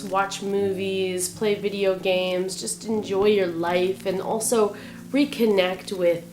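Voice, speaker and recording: Woman, sick raspy growly voice, chatty vlog talk, mid pitch, echoey room. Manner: chatty, rambling, self-correcting. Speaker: author and vlogger. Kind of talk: casual writing vlog talk.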